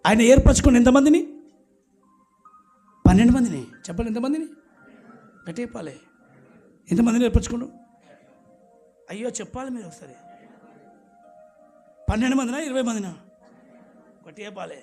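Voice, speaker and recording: A man's voice: very high voice, expressive, fairly quick, pauses often, warm tone, soft background music. A man preaching an emphatic sermon at a church night service, urging the congregation to call back answers aloud.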